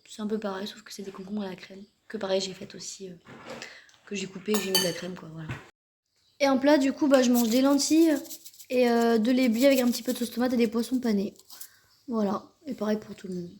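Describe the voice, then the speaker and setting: Young woman, casual vlog chat, rambling with fillers, slightly high voice, noisy phone recording. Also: a little mellow. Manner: chatty, rambling, many fillers and self-corrections. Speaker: mother vlogging her family day.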